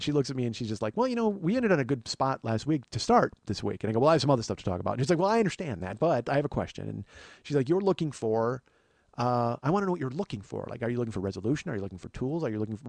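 Gravelly and darkish in tone, a middle-aged man's mid-range voice drives a casual, profane comic monologue on his comedy podcast. He rambles, interrupts himself with digressions and gets worked up. The recording is dry.

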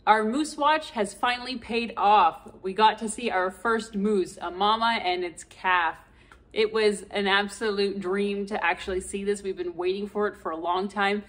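A woman in her thirties chatting to camera indoors, expressive and full of fillers as she wraps up the episode. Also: mid-range voice. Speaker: motorcycle travel vlogger. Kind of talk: casual travel vlog.

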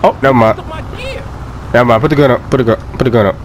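A young man giving loud, profane, joking let's play commentary and laughing often. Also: mid-range voice, fairly even intonation, very fast, noisy background. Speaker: gameplay commentator.

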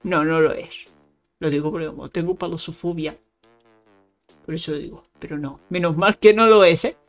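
A woman's voice: low voice, moderate pace, soft background music. A woman with a Spain Spanish accent giving casual, playful commentary while playing a video game, teasing enemies and talking straight to her viewers. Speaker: gaming YouTuber.

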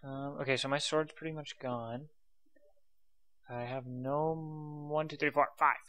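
A man's voice: a little high, fairly even intonation, unhurried, bright, forceful tone. A man giving casual gameplay commentary, exasperated, muttering to himself and sighing often. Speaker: let's play commentator.

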